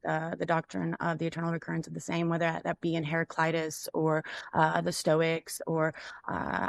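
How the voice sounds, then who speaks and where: A woman with a Texan accent, co-hosting a podcast and asking searching philosophical questions, often pausing with "uh" and checking in with "right?". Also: fairly low pitch, no echo. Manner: searching, many "uh" and "right?" tags. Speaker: podcast co-host. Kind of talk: philosophical conversation.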